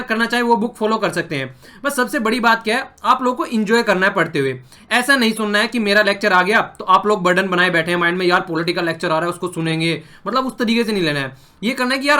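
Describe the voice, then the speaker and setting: A man's voice: sits high, pushed and bright. A young man teaching an exam-prep lecture to online viewers, earnest and persuasive. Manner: earnest, repeats promises and appeals.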